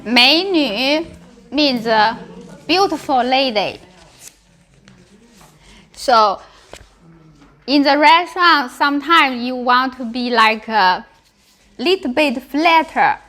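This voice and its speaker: Woman, Chinese accent, bright forceful voice, slow measured teaching, choppy simple English, frequent check-ins. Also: high voice, expressive. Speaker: language teacher. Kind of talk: classroom Chinese lesson with repeated example words.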